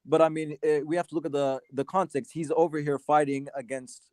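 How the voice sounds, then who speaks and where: A man's voice: a little high, little pitch movement, brisk, darkish tone, dry recording. Man from Sudan, debate guest, hesitant, lots of ums and restarts, dry close sound. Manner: hesitant, many fillers and restarts. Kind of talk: casual debate.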